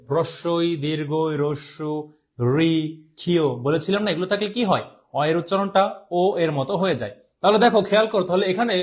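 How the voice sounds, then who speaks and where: High-voiced young man teaching step by step. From Bangladesh. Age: young adult. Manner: explains step by step, quizzing students with questions; repeats and drawls words to show how they are said. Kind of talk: online exam-prep class.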